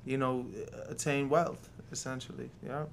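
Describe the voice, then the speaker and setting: A man's voice: medium pitch, little pitch movement, normal speed, gravelly, a little hiss or hum. A man from Jamaica, raised in New York City, a restaurant co-founder talking as a guest in a reflective, filler-heavy way. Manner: reflective, lots of "you know". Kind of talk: casual interview chat.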